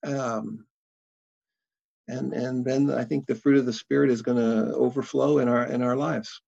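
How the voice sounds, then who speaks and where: Man, interview guest, gravelly voice, halting delivery, dull lo-fi recording. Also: medium pitch, steady tone, darkish tone. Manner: thoughtful, halting with many fillers. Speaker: interview guest, documentary producer. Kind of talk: conversational interview.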